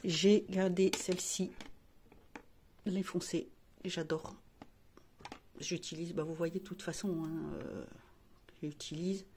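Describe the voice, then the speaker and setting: A woman's voice: on the low side, fairly even intonation, slow, long pauses, a little mellow, slight background noise. A woman beauty vlogger chatting casually while showing her makeup, rambling with frequent restarts and fillers.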